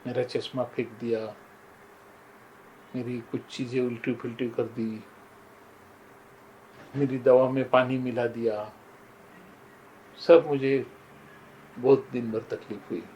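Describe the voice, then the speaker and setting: A man's voice: medium pitch, steady tone, takes it slowly, pauses often, darkish tone, slight background noise, poor audio. An older man giving a motivational talk, earnestly telling personal and moral stories and often turning to address his listeners as friends. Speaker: motivational speaker.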